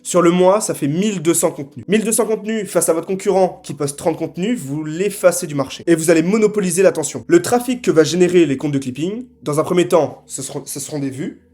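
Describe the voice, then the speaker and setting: A young man giving a scripted sales pitch to camera, assertive and punchy, often tagging his sentences with quick check-ins. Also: lively intonation, warm tone. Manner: assertive, punchy, frequent tag questions. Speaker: marketing consultant.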